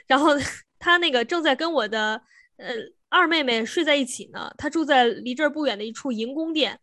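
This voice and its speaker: A woman with a fairly high voice retells a fairy tale in a loose, chatty way. She stops to correct herself as she goes. The sound is dry and close, with no room around it. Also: lively intonation, moderate pace, sharp tone, dry recording. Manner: meandering, self-correcting, laughs often. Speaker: podcast co-host. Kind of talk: casual storytelling chat.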